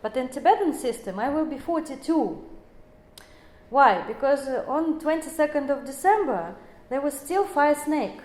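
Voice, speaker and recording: A woman's voice: high-pitched, expressive, moderate pace, a little mellow. Woman lecturing with phrasing. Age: 40s. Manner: non-native phrasing, many fillers and self-corrections. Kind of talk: explanatory lecture. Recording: echoey room.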